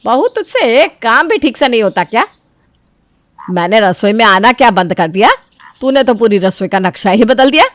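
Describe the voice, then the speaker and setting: A woman voicing a domineering middle-aged mother-in-law in a cartoon story, scolding loudly and giving orders. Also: a little high, moderate pace, clean tone, dry recording, clean studio sound, pitched above the performer's own voice, lightly acted. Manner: scolding, loud and commanding.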